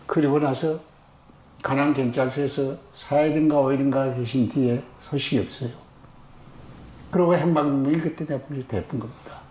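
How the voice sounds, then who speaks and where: A man in his seventies speaks in an interview as a victim's family member, quiet and measured. His tone is mellow and dark, and the room around him rings a little. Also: mid-range voice, roomy sound, a little hiss or hum, poor audio.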